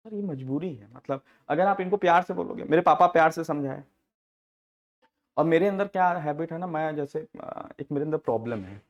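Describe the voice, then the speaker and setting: A man teaching accounting software in a casual class, telling stories with frequent laughs and acting out the people in them. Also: fairly high pitch, highs cut off. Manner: chatty storytelling, laughing often, acting out quoted people.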